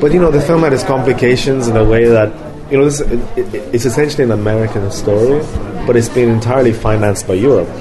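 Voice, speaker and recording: With a crowd audible in the background, a man who grew up in London and works as a film director stumbles through interview answers, filling pauses and restarting often, in a mid-range voice.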